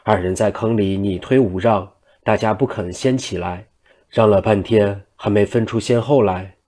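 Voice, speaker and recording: A polite but stubborn young gentleman, voiced by a male storyteller. His speech is formal and courteous, delivered in a low, steady voice. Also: normal speed, natural voice. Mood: easygoing.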